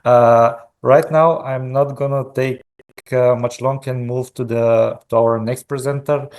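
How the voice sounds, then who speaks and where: A man moderating a webinar over a video call, friendly and halting with many fillers. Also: mid-range voice, fairly even intonation, a little mellow.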